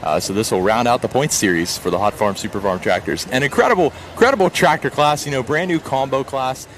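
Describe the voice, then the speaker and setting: A man with a medium-pitched voice gives tractor pull announcer commentary. He talks quickly and enthusiastically, repeating words for emphasis. Clear outdoor engine noise sits behind him. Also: animated, fairly bright tone. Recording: noisy outdoor event with engines.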